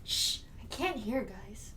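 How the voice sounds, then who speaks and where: A young woman plays an anxious, skeptical student in a stage drama. The pitch is average for a woman, over a faint low rumble. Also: animated, takes it slowly, sharp tone. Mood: worried. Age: young adult. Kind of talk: scripted stage drama dialogue.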